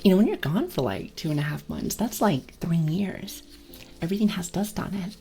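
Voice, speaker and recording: A woman chatting casually on an ASMR stream, talking softly right into the listener's ear and often slipping into whispers, with a playful, gently silly manner. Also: fairly low pitch, animated, normal speed, soft background music. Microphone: close ASMR microphone. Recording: clear background noise and clicks.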